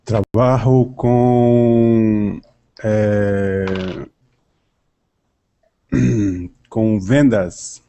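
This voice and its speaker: A man from Brazil answers as a student in a low, mellow voice. He speaks very slowly and hesitates with long pauses between words. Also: steady tone, smooth, no echo. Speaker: language student.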